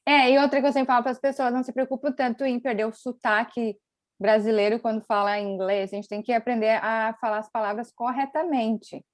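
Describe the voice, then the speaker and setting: Woman, from Brazil, relaxed host, somewhat high voice, dry close sound. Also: fairly quick, dry recording. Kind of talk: casual conversation.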